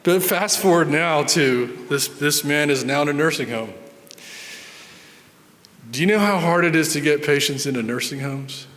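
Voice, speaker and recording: This man's voice is fairly high and fairly bright, at a moderate pace. He's a neurologist giving an earnest storytelling talk about patients at a conference, frequently repeating words while thinking, and the large hall makes the sound reverberant.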